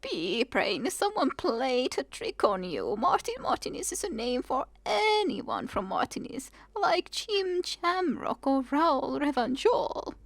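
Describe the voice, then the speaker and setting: A woman voicing a chatty, grumbling elderly cleaning lady in a video game, weary and ailing, with a breathy, wheezy voice. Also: high-pitched, very animated, slow, hardly any pauses, no echo, pitched above the performer's own voice, heavily acted. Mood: amused, knowing.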